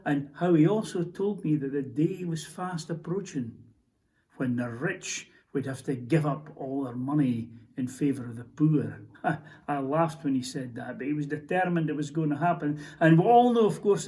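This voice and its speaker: A man with a Scottish accent playing a haunted soldier in a theatrical monologue, telling his story in a halting, stammering, emotional way. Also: on the high side, a little mellow, natural voice. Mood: reflective. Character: Scottish soldier recounting a prisoner's execution, haunted. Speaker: stage actor. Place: theatre stage.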